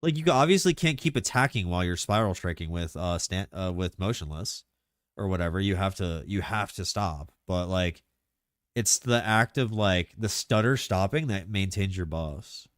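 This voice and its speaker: A man streaming live, chatting casually and excitably about game mechanics, rambling with lots of filler words. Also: deep voice, moderate pace, dry recording.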